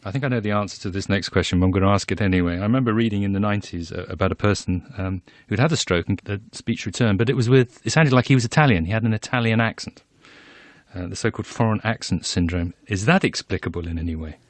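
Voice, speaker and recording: A man presenting a radio health show, putting questions to guests and introducing items briskly. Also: fairly low pitch, no echo.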